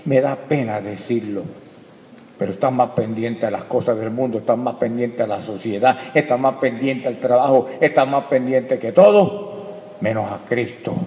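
Impassioned preacher in an echoey hall. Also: male voice, medium pitch, fairly even intonation, moderate pace. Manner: impassioned preaching, rising to loud peaks; addresses listeners as brother. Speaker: pastor. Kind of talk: sermon. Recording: echoey hall, dull lo-fi sound.

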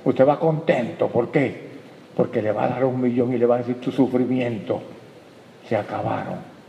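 Male pastor, mid-pitched, fiery sermon delivery, roomy dull hall recording. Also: steady tone, brisk, gravelly, slight background noise. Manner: impassioned preaching, rising to loud peaks; addresses listeners as brother. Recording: echoey hall, dull lo-fi sound.

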